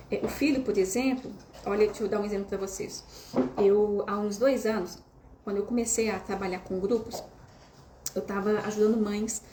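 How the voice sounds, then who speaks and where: A woman's voice: mid-range voice, mellow. A woman with a Brazilian Portuguese accent giving a conversational online lesson. She keeps turning to her listeners with tag questions. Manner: chatty, addresses listeners often with tag questions. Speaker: online course teacher. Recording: roomy echo with faint hiss.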